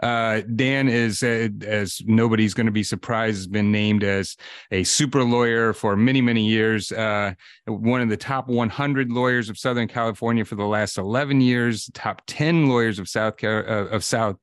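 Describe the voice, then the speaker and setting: A man's voice: fairly low pitch, steady tone, normal speed, clean tone, dry recording. Man hosting a podcast, very dry sound. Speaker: podcast host. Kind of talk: conversational introduction of a guest.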